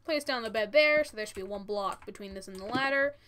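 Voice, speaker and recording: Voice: medium pitch, a little fast, pushed and bright. A thirteen-year-old who says w for r, giving casual, informal step-by-step commentary as host of a gaming tutorial. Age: 13 years old. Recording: noisy, with keyboard and mouse clicks.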